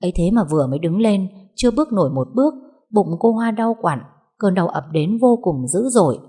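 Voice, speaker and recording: A woman narrating a novel as an audiobook, reading it in an expressive, dramatic way. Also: medium pitch, a little fast, husky. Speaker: storyteller.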